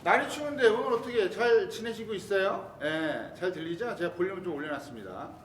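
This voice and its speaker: A man's voice: lively intonation, a little fast, far from the mic. A middle-aged man from South Korea, a golf instructor chatting casually on a live stream, greeting viewers by name and checking his volume. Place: indoor golf studio. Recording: roomy, off-mic echo with faint rumble.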